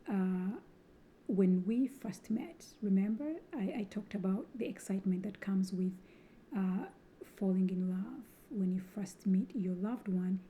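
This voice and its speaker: Very mellow-voiced woman coaching. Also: mid-range voice, slight background noise. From Rwanda. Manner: earnest, rephrases and repeats herself often. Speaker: relationship coach. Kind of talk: solo advice talk.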